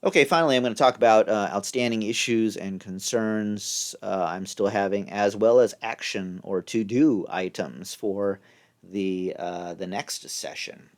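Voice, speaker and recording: A man narrating a casual vlog recap of his session, thinking aloud in halting pieces. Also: on the low side. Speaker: vlogger.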